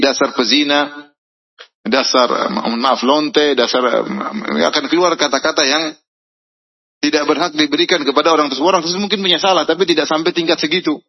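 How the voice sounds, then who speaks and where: A man's voice: fairly high pitch, lo-fi sound. A man with an Indonesian accent giving a hadith lesson, reading Arabic and then explaining it in everyday speech, sometimes acting out angry voices. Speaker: preacher.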